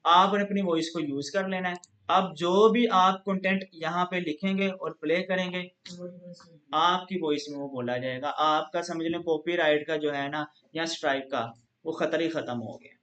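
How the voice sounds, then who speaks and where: A man teaching a screen-recorded software tutorial, explaining patiently step by step and leaning on a repeated filler phrase. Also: a little high, moderate pace. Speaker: instructor.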